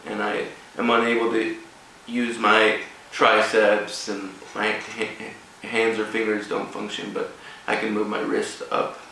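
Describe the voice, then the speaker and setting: Echoey, slow, creaky-voiced man giving a speech. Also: fairly low pitch, bright, forceful tone. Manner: halting delivery in short broken phrases. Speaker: guest speaker at a rugby club event. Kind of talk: informal motivational speech with personal story. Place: echoey room, speaking before an audience. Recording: echoey room, distant mic, faint noise.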